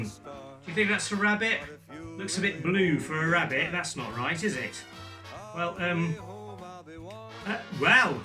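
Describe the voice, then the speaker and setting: Male kids party magician, high voice, playful bumbling patter with lots of questions to the children, distant mic over music. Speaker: children's magician entertainer presenting a Christmas show. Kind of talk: kids' party magic show patter, chatty and interactive. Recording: distant microphone, music behind.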